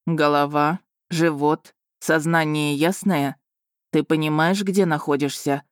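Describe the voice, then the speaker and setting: A woman's voice: sits low, fairly even intonation, takes it slowly, dry recording, clean studio sound. A woman voicing a stern, commanding duke who gives curt, clipped orders. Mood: probing.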